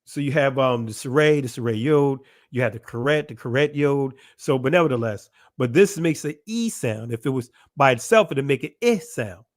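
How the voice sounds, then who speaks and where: A man's voice: medium pitch, expressive, moderate pace, few pauses. A man giving a casual religious teaching talk, emphatic and repetitive, often asking rhetorical questions and laughing between points. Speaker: channel presenter.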